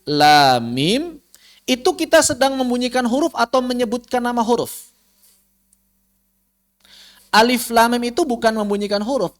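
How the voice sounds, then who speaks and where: High voiced guy teaching tajwid online, keeps asking questions, stretches letter sounds out. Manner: explains with repeated questions to students, drawn-out recited letters. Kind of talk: online recorded class lesson.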